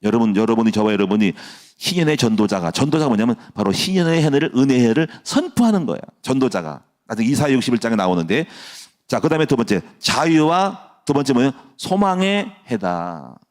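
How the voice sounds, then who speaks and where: A middle-aged man preaching a dawn sermon as pastor, jokey and lively, laughing often and dropping to a near hush at times. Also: medium pitch, fairly quick.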